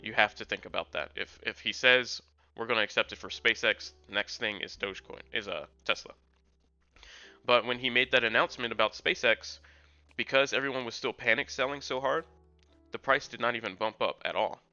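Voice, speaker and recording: This is a crypto trading streamer, a young man live at home, upbeat about the charts for his chat despite losing his voice to a sore throat. His speech is brisk, mid-range, pushed and bright, over dull lo-fi sound with faint music behind it.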